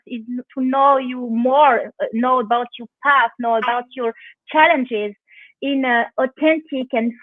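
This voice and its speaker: A woman's voice: sits high, no echo. A woman with a French accent hosting a live online interview in English, often repeating words as she searches for them. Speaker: interview host. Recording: tinny phone line, dry.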